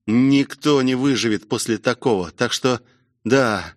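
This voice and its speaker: A man voicing a strict, composed man who gives calm commands. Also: mid-range voice, a little slow, no echo, clean studio sound, lightly acted. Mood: stern. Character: stern composed man, steadying a panicked driver.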